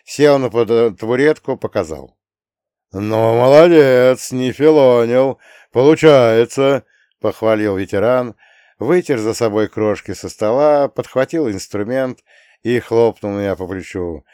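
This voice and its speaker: A male audiobook narrator reading with a wry, ironic edge. His voice sits low. The recording is dry and close-miked, with no room sound. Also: moderate pace, mellow, no echo.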